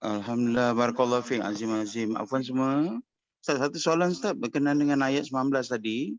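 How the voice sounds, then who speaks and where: A man's voice: mid-range voice, fast talker, no room sound, lo-fi sound. A man with a Malaysian accent asking a scripture teacher a question, politely and with some hesitation as he searches for words.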